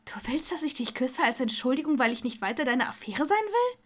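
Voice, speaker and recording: A woman's voice: high voice, big pitch swings, a little fast. A woman voicing an exasperated young witch in an audiobook, speaking in a snappy, indignant way. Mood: irritated. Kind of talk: audiobook character voice.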